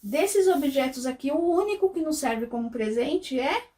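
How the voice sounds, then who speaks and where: A woman's voice: high-pitched, expressive, moderate pace, warm tone, far from the mic. A Brazilian woman teaching small children in a sing-song voice, stretching out words and asking questions that she answers herself. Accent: Brazilian Portuguese. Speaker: kindergarten teacher.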